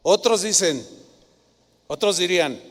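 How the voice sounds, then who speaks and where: Mexican pastor guy preaching, high voice, acts out the quotes, lots of hall echo. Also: unhurried. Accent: Mexican Spanish. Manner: animated storytelling, acting out quoted voices. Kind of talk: sermon.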